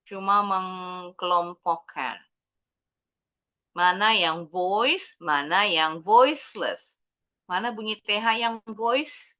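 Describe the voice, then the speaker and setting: A woman's voice: mid-range voice, slow, pauses often, bright, forceful tone, dull audio. An Indonesian woman teaching an English class, explaining patiently and mixing English words into her talk.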